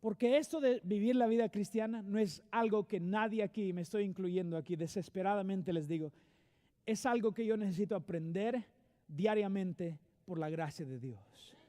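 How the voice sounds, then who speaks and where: High-voiced preacher. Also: male voice, moderate pace, warm tone. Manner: earnest, direct, addresses the congregation as "amigo". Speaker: pastor. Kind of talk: sermon. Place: church sanctuary.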